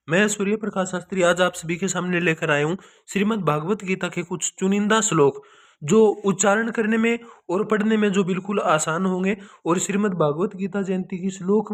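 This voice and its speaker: A male Sanskrit teacher, reciting verses for children in a slow, measured chant. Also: high voice.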